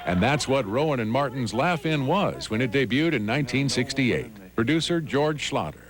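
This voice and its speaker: A man narrating a television history documentary in a measured, scripted way. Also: mid-range voice, lively intonation. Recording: music bed underneath.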